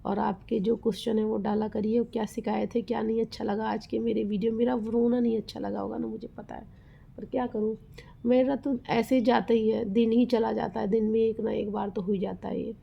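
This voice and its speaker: A woman's voice: a little high, little pitch movement, a little fast, creaky, breathy edge, lo-fi sound. A woman vlogger talking to her viewers in an earnest, rambling, heartfelt way, often calling them guys. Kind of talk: casual heartfelt vlog talk.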